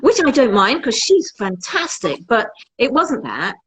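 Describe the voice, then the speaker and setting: A woman's voice: a little high, huge pitch swings, a little slow, a bit bright, husky, low-quality recording. Jokey, chatty woman. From Britain. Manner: chatty, self-mocking, jokey storytelling. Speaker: perfumer, guest. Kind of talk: casual interview chat.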